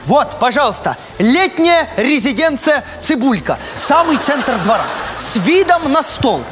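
A man's voice: very high-pitched, very animated, measured pace, background noise, exaggerated voice. An actor playing an exasperated young landlord in a comedy sketch, a man pleading and sarcastic as he haggles. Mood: eager salesmanship. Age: young adult. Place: outdoor courtyard.

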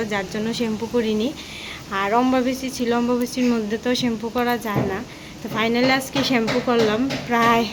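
A woman's voice: fairly high pitch, noisy background. Chatty young woman narrating a home vlog. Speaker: vlogger, mother. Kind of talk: casual vlog narration and voice-over.

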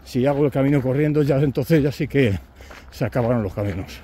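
A man's voice: mid-range voice, a little fast, dark tone, slight background noise. A man, telling chatty anecdotes on camera while walking a rural trail, chuckling and acting out his companions' lines. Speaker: pilgrim vlogger.

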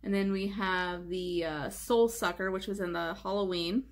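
A young woman vlogging casually about her makeup collection, chatty, with many "like" fillers and soft whispered asides. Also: mid-range voice, steady tone, moderate pace, background noise. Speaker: beauty vlogger.

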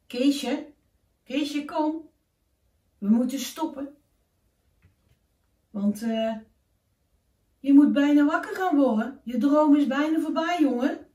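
A woman's voice: sits high, slow pace, pauses often, warm tone, pitched above the performer's own voice. A woman doing an urgent, bossy raven. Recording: roomy, distant from the mic.

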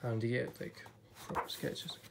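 A man reviewing an illustrated book for his YouTube channel speaks unhurriedly, with a faint hiss or hum in the audio. His voice is slightly off since he's recovering from being sick, and he chats and muses aloud at a table in front of a blue backdrop.

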